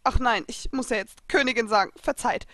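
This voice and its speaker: Deferential maid spirit, a woman puts her on, high and bright, storybook reading. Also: a little fast, dry recording, studio quality, close to an everyday voice. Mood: polite. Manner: deferential, courteous. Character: polite maid spirit, young woman, dutiful.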